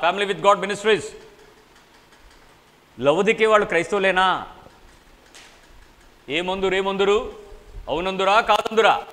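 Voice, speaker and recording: A male preacher with a high voice delivers an emphatic sermon, putting question after question to his listeners. The recording carries a long reverb from a large meeting hall. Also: fairly bright tone. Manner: emphatic, asks the congregation repeated questions.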